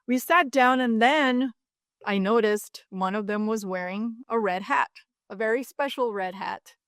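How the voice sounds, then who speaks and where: A woman in her fifties from Cuba, telling a personal story as a podcast guest with animated asides. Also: on the high side, unhurried, no echo, studio quality. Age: 50s. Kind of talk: storytelling in an interview.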